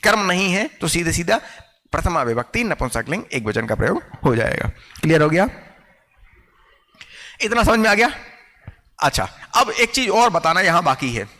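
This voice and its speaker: A male teacher giving an online grammar lecture, explaining patiently, often checking whether students follow and slowing down to dictate example sentences. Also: high voice, big pitch swings, bright, forceful tone, big-room sound.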